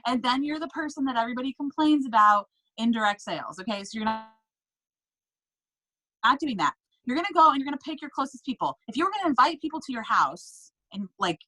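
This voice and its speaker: Upbeat lady coaching her sales team, kinda high voice, bright and forceful, keeps going "okay?" and "right?". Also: rough recording. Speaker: direct sales team leader. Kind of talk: casual coaching talk.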